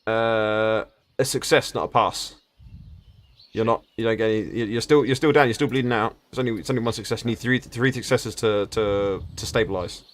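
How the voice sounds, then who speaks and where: A man's voice: lowish voice, fairly quick. A man narrating a tabletop game as game master, stammering through restarts and chuckling at the table.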